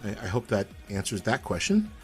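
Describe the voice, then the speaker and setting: Man, lowish voice, co-host, hesitant, halting explanation, faint music. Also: sing-song. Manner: hesitant, halting, many ums. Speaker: co-host developer. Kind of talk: casual chat.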